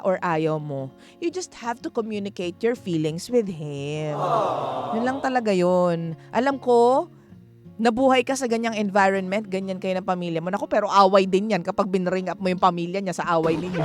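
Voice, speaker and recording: A woman hosting a radio advice show, chatty, playful and frank, laughing often. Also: medium pitch. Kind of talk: late-night radio advice talk. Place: radio studio. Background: music bed.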